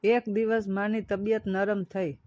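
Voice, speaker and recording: A woman storyteller narrating an emotional moral tale in a measured, dramatic way. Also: medium pitch, flat delivery, darkish tone, no echo.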